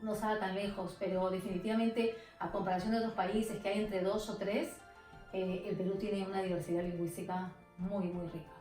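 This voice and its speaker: A woman's voice: medium pitch, a little fast. A Peruvian woman from Lima speaks casually and with animation in an interview, her voice sitting in a mid register. She is recorded from some distance in an echoey room, with faint music underneath. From Peru. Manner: animated, imitates other accents and sellers.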